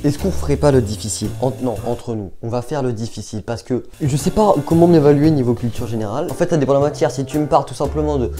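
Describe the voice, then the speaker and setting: A man's voice: medium pitch, fast, hardly any pauses, mellow, faint music behind. A young man chatting casually to his viewers while thinking aloud, hesitant and chatty. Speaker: youtuber. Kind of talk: casual vlog chat.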